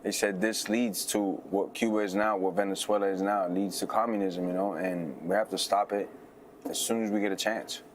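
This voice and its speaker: A male fighter in his thirties, a guest in a casual interview, who talks in an animated way, repeats himself and often restarts his sentences. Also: on the low side, fairly quick, a little hiss or hum. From United States.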